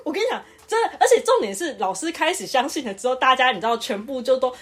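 A woman co-hosting a podcast, telling school stories in casual chat, animated and laughing often, stammering when excited. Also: high-pitched, fast. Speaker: podcast co-host.

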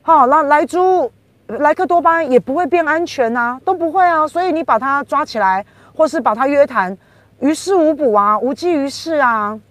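A woman's voice: high-pitched, lively intonation, moderate pace, no room sound. A woman with a Taiwanese Mandarin accent hosting a political commentary podcast. She talks in an emphatic, indignant way, full of rhetorical questions. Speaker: podcast host.

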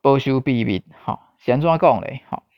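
A man from Taiwan giving a casual spoken language lesson, unhurried and repeating his points, often ending lines with a tag particle. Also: medium pitch, no echo. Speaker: language teacher. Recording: dull lo-fi dry recording.

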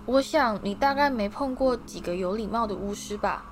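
A polite, nervous boy wizard who picks his words with care and hesitates often, as a woman reads him. His voice sits a little above the narrator's usual tone, with soft music under the storybook reading. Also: fairly high pitch, normal speed, lightly acted.

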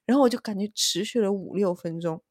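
A woman, co-hosting a podcast, telling a story in an animated way and acting out the voices in it. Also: quick pace, no room sound, studio quality. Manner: animated, acts out quotes with big pitch jumps, swears. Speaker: podcast co-host. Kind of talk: casual chat, storytelling.

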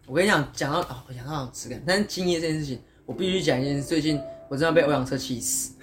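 A woman with a Taiwanese Mandarin accent co-hosting a podcast in casual chat, animated and laughing often. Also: sits low, racing, slight background noise. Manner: animated, laughs often, mixes English words. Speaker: podcast co-host.

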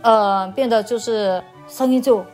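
Woman guest, faith testimony, halting delivery, repeats words, soft music underneath. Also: fairly high pitch. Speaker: interview guest.

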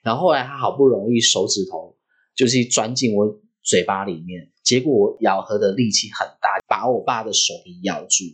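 A man, hosting a podcast and telling a story in a vivid, animated way. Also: fairly low pitch, moderate pace, slightly rough. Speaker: podcast host.

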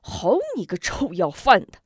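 A woman's voice: on the low side, lively intonation, a little slow, slightly rough, dry recording, studio quality. A woman voicing an arrogant, brutal male bandit chief who bellows orders with contempt. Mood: furious, bellowing.

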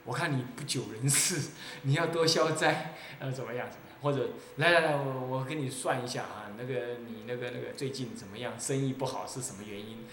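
A man mimicking a male fortune-teller monk who speaks in a hushed, coaxing way. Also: medium pitch, brisk, few pauses, a little hiss or hum, voice pushed down, lightly acted. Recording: echoey roomy recording.

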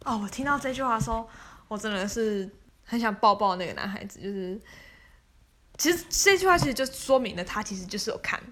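A woman's voice: medium pitch, expressive, fairly quick, a bit bright. A woman, casually telling stories as a podcast host, chatty and laughing often. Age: 20s. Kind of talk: casual storytelling monologue.

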